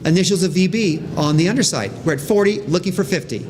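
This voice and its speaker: A man's voice: sits high, fast talker, darkish tone, a little hiss or hum. A man working as an auctioneer, calling bids in a live auction with repeating patter.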